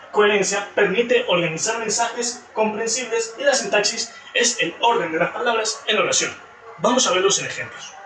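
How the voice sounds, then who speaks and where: A man's voice: high-pitched, sharp tone, a little hiss or hum. A man teacher giving a class presentation, explaining with examples and often correcting himself as he goes. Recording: echoey room from a distance with faint music.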